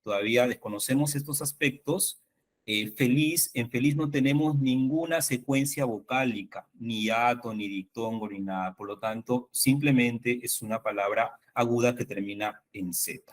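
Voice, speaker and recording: A man's voice: mid-range voice, normal speed. A man with a Peruvian accent teaching an online spelling workshop to fellow teachers, asking questions and confirming the answers. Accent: Peruvian Spanish. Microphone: video call.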